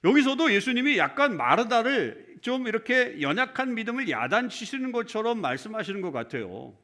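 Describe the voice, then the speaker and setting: A man's voice: high-pitched, big pitch swings, a little fast, pushed and bright. A male pastor giving a conversational sermon in church, often putting questions to the congregation. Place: church sanctuary.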